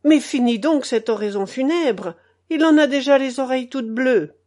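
A woman's voice: sits high, sing-song, moderate pace, darkish tone. A woman reading the part of an impatient, teasing male workshop painter who speaks bluntly and jovially in a storybook. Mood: bluff.

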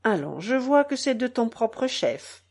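A woman reading aloud, voicing a gentle young seamstress who speaks softly and draws out her words. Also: on the high side, sing-song, slightly rough, exaggerated voice. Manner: soft, drawn-out speech.

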